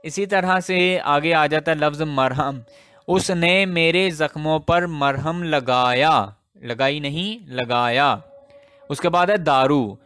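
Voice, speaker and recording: A man teaching a grammar lesson, explaining slowly with example sentences and repeating the key words. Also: a little high, fairly bright tone, clean tone. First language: Urdu.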